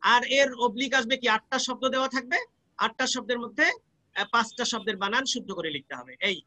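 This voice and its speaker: A male teacher with a Bangladeshi accent gives an online class, explaining slowly, repeating examples and asking rhetorical questions. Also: very high-pitched, sharp tone, rough recording.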